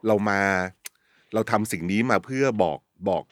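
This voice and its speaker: A man from Thailand answering interview questions, thinking aloud quickly with repeated words and casual slang. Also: on the low side, expressive, no room sound. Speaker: streaming company content director, guest.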